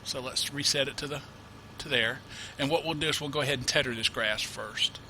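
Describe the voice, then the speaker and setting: Brisk and bright, a man with a mid-range voice and a forceful tone hosts a farming game tutorial while nursing a cold that makes him sniffle a bit. It's loose let's-play talk, rambling and self-correcting with plenty of fillers, and there's a little hiss or hum in the background.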